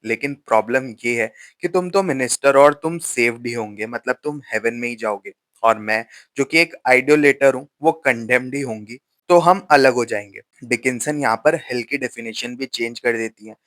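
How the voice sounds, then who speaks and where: A man teaching a lesson, explaining a poem line by line and reading the quoted verse slowly and deliberately. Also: mid-range voice, a bit bright, no echo. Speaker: literature teacher.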